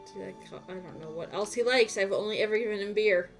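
With soft music behind her, a medium-pitched woman talks at a quick pace during a live stream of a farming game. Her chat is casual and rambling, mostly directed at herself while she plays.

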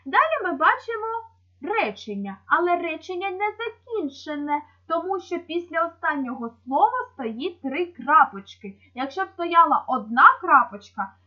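A woman's voice: extremely high pitch, big pitch swings, normal speed, dull audio. A woman teaching young children in a video lesson in Ukrainian-accented speech, patiently explaining each step. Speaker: primary school teacher.

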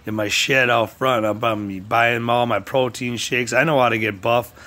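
A man vlogging in a crude, profane rant, swinging between shouting and low muttering. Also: fairly even intonation, normal speed. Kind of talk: profane ranting commentary.

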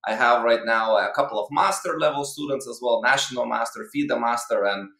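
A man in his thirties, from Lithuania or elsewhere in the former Soviet region, gives explanatory interview answers as a guest coach over a video call. His medium-pitched voice is a little fast and a bit bright. The plain indoor room sounds roomy, picked up by a webcam-distance microphone.

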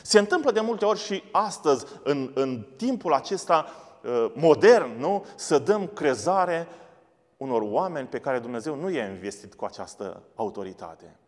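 A man's voice: fairly high pitch, big pitch swings, big-room sound. A man preaching a sermon, asking and answering his own questions as he goes. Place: church studio.

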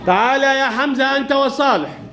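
A man runs a classroom quiz with young pupils. He is brisk and playful, and calls each child up by name. He chuckles as he quizzes them. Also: very high-pitched, pushed and bright. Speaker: primary school Arabic teacher.

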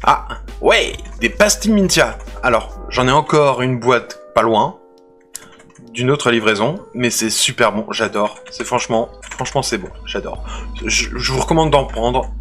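A man's voice: mid-range voice, animated, a little slow, a bit bright, soft background music. A man hosting a casual unboxing video, chatty and playful, often restarting his sentences. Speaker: unboxing channel host.

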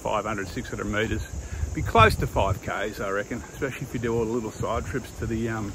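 A man's voice: on the low side, a little fast. An older man around his sixties with an Australian accent chats casually and colloquially as he records a walking vlog. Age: older, around 60s. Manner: laid-back, rambling, colloquial. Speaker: vlogger. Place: outdoors on a windy coastal walking path. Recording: clear wind and outdoor ambient noise.

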